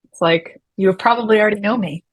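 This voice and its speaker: A touring production coordinator from Dallas, Texas, in her early forties, chats casually as an interview guest. Her medium-pitched voice moves fairly quickly as she jokes, pokes fun at herself and talks out of the side of her mouth. There's no echo.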